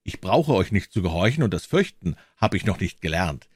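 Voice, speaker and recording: A man's voice: sits low, very animated, a little fast, breathy edge, no echo, exaggerated voice. A man voicing a bold, cheeky young soldier who talks back with mockery. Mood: defiant. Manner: defiant, mocking.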